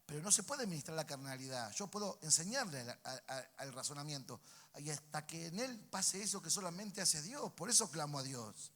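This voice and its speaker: A pastor with a Rioplatense Spanish accent delivers a sermon in a somewhat high, bright, forceful voice. He calls out to the congregation for responses and swings between emphatic peaks and hushed passages. The sound carries the long reverb of a church sanctuary. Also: expressive, fairly quick. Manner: preaching with call-and-response to the congregation.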